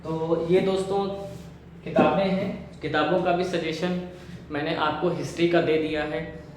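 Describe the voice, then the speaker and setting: A man's voice: a little high, steady tone, unhurried, darkish tone. A young man giving casual study advice to camera, recommending books to viewers in a friendly way from a room with his bookshelf. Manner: friendly, repeatedly addresses viewers as friends, mixes in English terms. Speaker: exam-prep educator. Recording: very echoey room, faint background noise.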